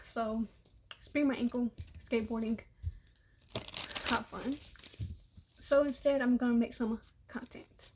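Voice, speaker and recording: A young tarot reader with a slightly high voice gives a relaxed, casual reading for all zodiac signs. Losing her voice, she sounds a little worn, speaking loosely and repetitively and sometimes sinking to a soft murmur. There is a little hiss or hum.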